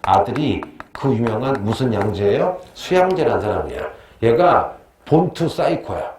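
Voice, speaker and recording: A middle-aged man lectures a history class, firing questions at his students and joking between them. His pitch swings widely in an animated way. The classroom sounds roomy, with a faint hiss behind him. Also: normal speed. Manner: quizzes students, jokes and laughs often. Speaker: history teacher.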